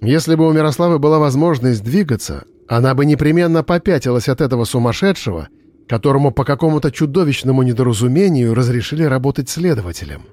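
A man reading an audiobook narration in a steady, even storytelling voice. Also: medium pitch, fast talker. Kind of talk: scripted narration.

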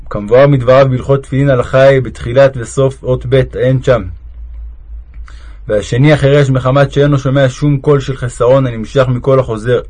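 A man reading a religious devotional text aloud in a steady, measured recitation. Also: mid-range voice. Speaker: reader of religious texts.

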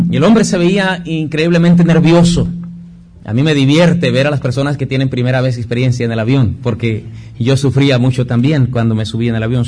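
A man's voice: mid-range voice, darkish tone, slight background noise. A Mexican man preaching a sermon, telling personal stories, acting out dialogue, with frequent restarts. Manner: storytelling preacher who acts out dialogue with many restarts. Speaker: pastor.

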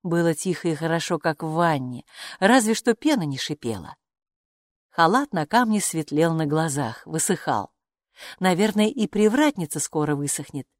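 A woman reads a children's fantasy story aloud, with a voice that rises and falls in lively, expressive turns. The recording is close and dry, with no room sound. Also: low voice, normal speed, dry recording. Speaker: audiobook narrator. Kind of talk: scripted narration of a children's fantasy book.

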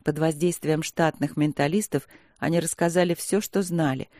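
An audiobook narrator reading a novel in an even, measured way. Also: medium pitch, no echo, clean studio sound. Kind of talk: scripted narration.

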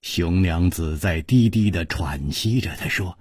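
A man narrating a martial arts novel as a dramatic, slow and highly expressive storyteller. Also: husky, no room sound, clean studio sound.

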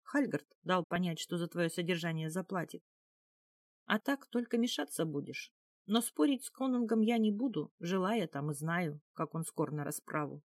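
A woman's voice: fairly low pitch, lively intonation, normal speed, no echo, studio quality. A woman voicing a shrewd, teasing Norse housewife with a blunt, mocking manner in an audiobook. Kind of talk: audiobook character voice.

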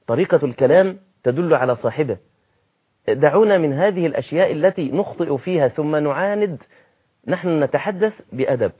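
A man's voice: a little high, a little mellow, slightly rough. An Egyptian man giving a religious lesson in an earnest way, repeating his key phrases for emphasis. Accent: Egyptian Arabic. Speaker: preacher.

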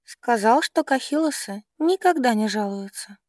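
Guy doing a grieving bitter mom in an audiobook, high pitched, dry close sound. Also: lively intonation, moderate pace, dry recording. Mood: sad. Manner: bitter, pleading. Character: grieving proud mother, middle-aged woman.

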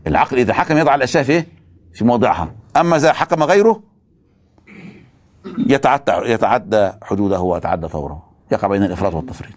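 Rapid-fire male lecturer. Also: on the low side, animated. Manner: emphatic, asks students rhetorical questions. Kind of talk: religious philosophy lecture.

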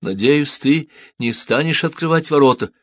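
A man voicing a sharp-tongued, wary farm wife in a storybook reading. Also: on the high side, normal speed, no echo, studio quality, pitched above the performer's own voice, lightly acted. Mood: wary, scolding. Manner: scolding, insistent.

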